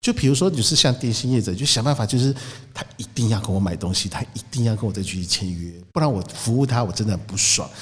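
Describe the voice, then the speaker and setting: Quick playful guy chatting on a podcast, voice rings in the room. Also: lowish voice, big-room sound. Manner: playful, animated joking. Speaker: podcast co-host. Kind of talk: casual chat.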